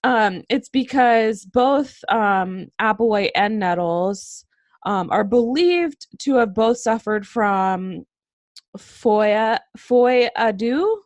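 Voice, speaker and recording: A woman's voice: medium pitch, lively intonation, takes it slowly, dry recording. A young woman co-hosting a podcast, telling a story casually with many ums and restarts. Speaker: podcast co-host.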